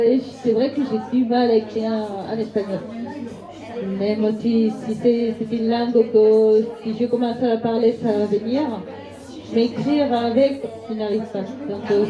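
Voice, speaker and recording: A woman author from Spain answers audience questions with a Spanish accent. Her voice sits a little high and rings in a roomy space, slightly dull in tone. She halts and restarts her sentences often.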